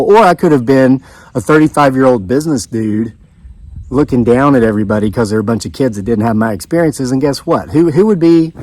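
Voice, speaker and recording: A man's voice: mid-range voice, darkish tone, dry recording. A man of fifty telling a rambling personal story in a casual, conversational way, with frequent asides to his viewers. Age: 50s. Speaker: channel host. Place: outdoors.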